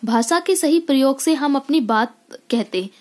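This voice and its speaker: A woman teacher gives a grammar lesson to children, speaking in a somewhat high voice. She explains patiently, repeating each point and pausing on hesitant fillers as she works through examples. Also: expressive, a little mellow. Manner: addresses children directly.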